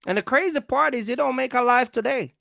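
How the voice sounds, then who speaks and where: A high-pitched, creaky, fairly bright voice belongs to a YouTube trucking vlogger who speaks a little fast. He rants casually and confrontationally at rivals to camera, repeating points and posing rhetorical questions. The studio recording is clean with no echo.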